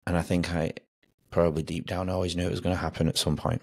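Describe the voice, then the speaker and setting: A man in his forties with a low, husky voice. He answers therapy questions hesitantly and reflectively, feeling his way through each reply on a dry, close recording. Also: level tone, quick pace, darkish tone, dry recording. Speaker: hypnotherapy client. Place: home office, video call. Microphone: desk microphone with headset.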